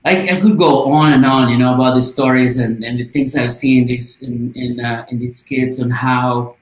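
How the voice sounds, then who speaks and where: Speaking at a moderate pace with fairly even intonation, this mid-range voice belongs to a man from Guatemala who volunteers with a charity. As a podcast guest in a casual interview, he's passionate and earnest, often filling gaps with "uh," in an echoey room.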